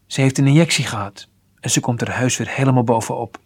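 A man voicing a kind, brisk male doctor in a read-aloud children's story, raising his voice higher for the part. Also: a little mellow, slightly rough. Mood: reassuring.

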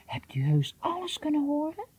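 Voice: high-pitched, huge pitch swings, moderate pace, darkish tone, voice pushed up. A reader voicing a curious, eager young man who asks astonished questions, in an audiobook. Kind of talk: audiobook reading.

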